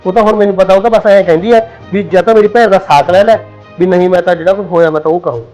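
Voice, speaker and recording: A man's voice: sits high, racing, darkish tone, soft background music, natural voice. An actor playing a young man on night duty who insists and complains to his mother and sister-in-law. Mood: aggrieved. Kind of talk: Punjabi short film acting.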